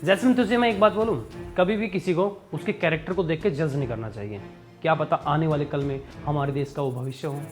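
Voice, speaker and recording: A man playing a fair-minded husband who calmly lectures his wife in a scripted skit. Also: a little high, fast, over music, close to an everyday voice. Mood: lecturing. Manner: calm, lecturing.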